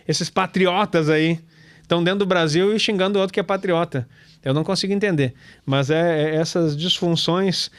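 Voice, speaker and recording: A man's voice: on the high side, no room sound. A man, teaching scripture in a casual, chatty way, calling listeners brother and laughing often. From Brazil. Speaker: pastor and Torah teacher.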